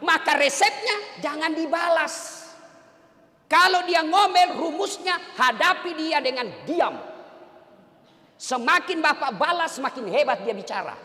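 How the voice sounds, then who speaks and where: A man's voice: very high voice, animated, a little slow, pushed and bright. A male preacher giving a humorous sermon, joking and addressing the men in the congregation directly. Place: mosque hall. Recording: echoey hall reverb.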